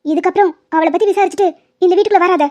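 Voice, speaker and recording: A woman's voice: very high voice, racing, darkish tone. A woman voicing a cold, haughty, wealthy mother with a condescending, warning tone.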